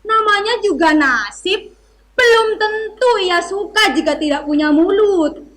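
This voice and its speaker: A woman's voice: very high-pitched, lively intonation, a little slow, fairly bright tone. A woman narrating a theatre monologue in a dramatic, declamatory way. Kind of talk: theatrical storytelling in a stage monologue.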